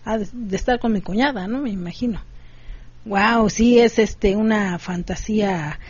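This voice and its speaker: A woman's voice: mid-range voice, unhurried, darkish tone, slightly rough, no room sound, muffled recording. A woman co-hosting a late-night radio show, giggling and reading listener messages aloud.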